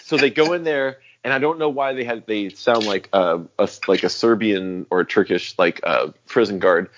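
A podcast co-host with a lowish voice chats casually at normal speed, animated and rambling, swearing often while acting out quotes. The sound is lo-fi with a noisy background.

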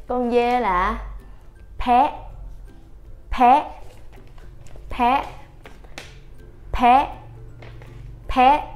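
A woman teaching a vocabulary lesson, a little hoarse from a coming cold, repeating each word several times. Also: a little high, darkish tone. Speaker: Thai language teacher. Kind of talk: slow, patient vocabulary lesson.

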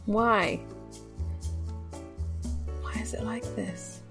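A woman's voice: little pitch movement, extremely slow, over music. Woman with a glitchy, robotic call voice. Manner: playful, swears casually. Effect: glitchy robotic call distortion with jumping pitch. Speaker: book-club podcast co-host. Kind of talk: casual chat. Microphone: online voice call.

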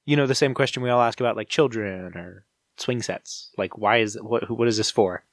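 A man's voice: on the low side, moderate pace, dry recording, clean studio sound. A young man co-hosting a podcast with bantering comic chat and a mock-grandiose, theatrical manner. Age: young adult. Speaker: podcast co-host.

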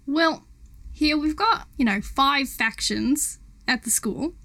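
A woman putting on a laid-back teenage boy, a chess player with a New Zealand accent who calls everyone mate. The voice sits a touch high and stays easygoing and friendly. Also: slow pace, pushed and bright, dry recording, heavily acted. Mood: reassuring.

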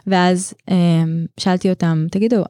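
A middle-aged woman teacher telling a classroom story in conversation, earnest and thoughtful, often restarting her sentences and laughing softly. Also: lowish voice, fairly even intonation, dry recording, studio quality. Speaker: teacher, podcast guest.

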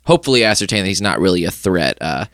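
Male tabletop player, fairly low bright voice, relaxed conversational explaining, very dry sound. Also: quick pace, no room sound. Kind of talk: casual explanation in a game.

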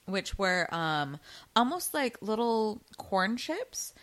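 A woman's voice: medium pitch, very animated, slow pace, a bit bright. A young woman co-hosting a casual snack-tasting chat, laughing often and reading from a booklet. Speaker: co-host reviewing snacks.

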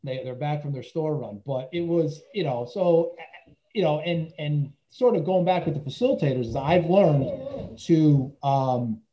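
A man's voice: fairly high pitch, unhurried. A man who works as a teacher, telling stories in a casual interview, rambling with lots of "you know" and restarts. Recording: dull lo-fi recording.

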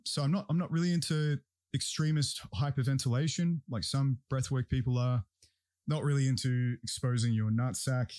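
A man's voice: mid-range voice, darkish tone, no echo, studio quality. A man hosting a podcast, talking casually in a blunt, opinionated way. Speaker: podcast host and breathwork practitioner. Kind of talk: casual conversational talk.

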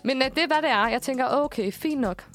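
Young danish girl, bit high voice, rambling story full of ums, faint music underneath. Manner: animated, laughing storyteller with many fillers. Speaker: podcast co-host. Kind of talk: casual storytelling chat.

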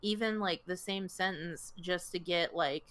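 Woman with a lowish voice, casual podcast chat, laughs a lot, swears. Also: a little slow, a bit bright. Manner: candid, laughs easily, swears. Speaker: podcast co-host.

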